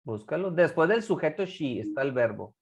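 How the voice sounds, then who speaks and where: Low-voiced, lively woman teaching English. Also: moderate pace, breathy edge. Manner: patient, drills pronunciation by repeating words; coaxing, asks students guiding questions. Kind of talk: live English class.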